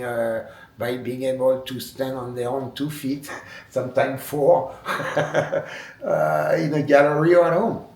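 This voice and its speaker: In a documentary interview, a wood sculptor from France talks in accented English, French being his native tongue, his voice medium in pitch and gravelly. He hesitates often, restarting and filling pauses, and is captured by a far-off mic in a room with echo.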